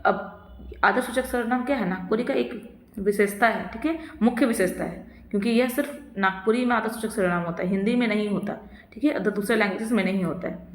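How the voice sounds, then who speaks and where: A woman with a Jharkhand accent teaching an exam-prep lesson. She reads each question slowly, then answers it herself, often adding "theek hai". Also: mid-range voice. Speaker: exam tutor. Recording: echoey roomy reverb.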